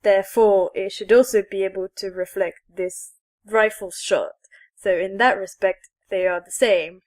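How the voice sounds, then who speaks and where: This podcast co-host has a mid-range, somewhat dark voice with fairly even intonation and a moderate pace. Her casual geek chat is rambling, giggly, and full of enthusiasm.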